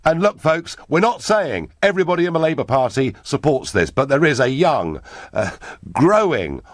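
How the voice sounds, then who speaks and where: An English man hosting a talk radio phone-in, animated and quick to interject and chuckle. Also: a little high, no echo, clean studio sound. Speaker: radio host. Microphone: studio mic.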